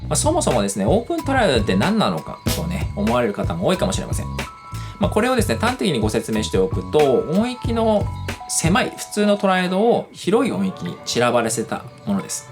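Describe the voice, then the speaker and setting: Man, guitar teacher, quick and lively delivery, polite explainer, guitar playing behind. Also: fairly high pitch. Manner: polite, explanatory, with casual fillers. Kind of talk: scripted lesson narration. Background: guitar music.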